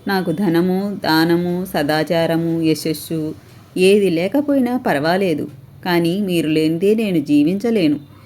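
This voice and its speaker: A woman voicing a righteous king of old in a spoken story, speaking earnestly and a little higher than her narration. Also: a little slow, warm tone, slight background noise, lightly acted. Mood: pleading. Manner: pleading, earnest.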